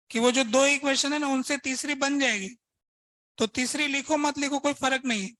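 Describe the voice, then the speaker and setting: A man's voice: very high-pitched, pushed and bright, dry recording, rough recording. A man teaching a physics lesson, working through examples step by step and asking his students rhetorical questions. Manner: casual, conversational teaching. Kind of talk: lesson at a board.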